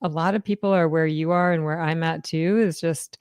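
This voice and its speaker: A woman co-hosting a casual talk show, calm and thoughtful, with easy laughs. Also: deep voice, fairly quick, clean tone, dry recording, clean studio sound. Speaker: podcast co-host. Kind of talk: casual conversation.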